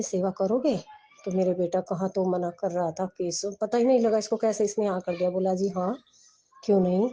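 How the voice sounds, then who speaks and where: Woman telling her devotional story, low flat voice, kinda rambly with lots of restarts. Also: husky. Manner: rambling, with restarts and quoted dialogue. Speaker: devotee sharing a testimony. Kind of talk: personal devotional story told to the congregation. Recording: home phone voice recording.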